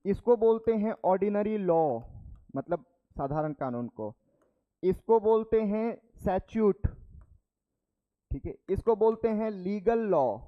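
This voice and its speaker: A man's voice: high voice, phone-quality sound. A young male teacher giving a classroom lecture, explaining step by step and checking in with the class after each point. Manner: explains step by step, repeats terms, checks with "ठीक है".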